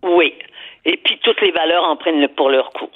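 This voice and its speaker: A woman speaks emphatically, often repeating words as she hunts for the next one. Her voice is a bit husky. It comes through a thin, phone-like line. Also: deep voice, moderate pace. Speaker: guest commentator. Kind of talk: opinionated radio chat.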